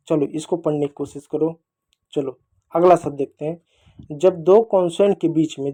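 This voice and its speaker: A man's voice: on the high side, mellow. Patient Hindi-accented man teaching phonics. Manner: patient, repeats and asks questions back. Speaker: English teacher for children. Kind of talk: phonics lesson.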